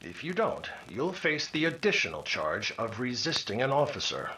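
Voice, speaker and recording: An actor playing an upright, fearless Mountie sergeant in an old-time radio serial, firm and formal. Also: male voice, medium pitch, big pitch swings, moderate pace, pushed and bright, a little hiss or hum, rough recording. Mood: calm, firm.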